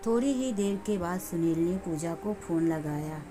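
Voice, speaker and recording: A woman narrating a moral family story in a steady, even scripted reading. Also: lowish voice, normal speed, soft background music.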